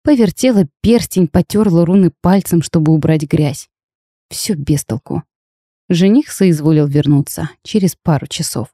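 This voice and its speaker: Audiobook narrator, woman, wry and expressive, low dark mellow voice, dry close sound. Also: moderate pace, hardly any pauses, no room sound. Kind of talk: first-person audiobook narration.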